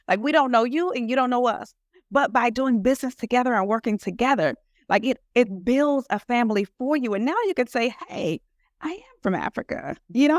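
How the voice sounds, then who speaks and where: With a fairly high-pitched voice and clean, echo-free studio sound, a woman from the United States appears as a guest entrepreneur in a casual interview. She discusses her work earnestly, rambling and saying "you know" again and again.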